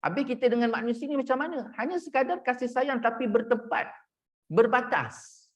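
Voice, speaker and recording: A man's voice: extremely high pitch, brisk. A man, a religious teacher telling a story in a sermon and addressing his listeners directly. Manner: addresses listeners directly, animated retelling with acted quotes.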